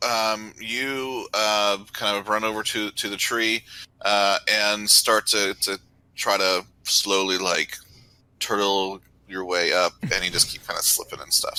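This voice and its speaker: A man narrates a tabletop game as game master, his voice low-set but strikingly bright. He gropes for words, pausing on "um" and "uh" as he describes the scene to the players. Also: level tone, clean tone, no echo, rough recording. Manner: hesitant, filler-heavy narration.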